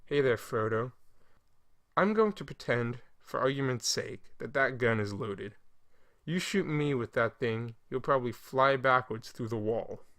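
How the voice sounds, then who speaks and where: A man's voice: mid-range voice, lively intonation, measured pace, fairly bright tone, no echo. A man playing a sarcastic, dry-humored wasteland scavenger. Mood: wry.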